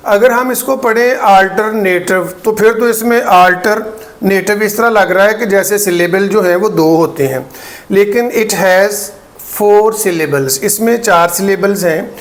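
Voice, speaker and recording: A man from Pakistan with a Pakistani Urdu accent, teaching English pronunciation and slowly repeating each word for practice. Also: high-pitched. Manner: slow, deliberate, repeats words for drill; explains patiently, checks in with "ठीक है". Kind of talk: pronunciation lesson.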